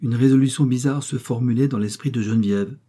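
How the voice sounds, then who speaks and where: A man narrating a classic novel as an audiobook, in a steady, measured reading. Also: medium pitch, husky. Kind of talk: scripted narration.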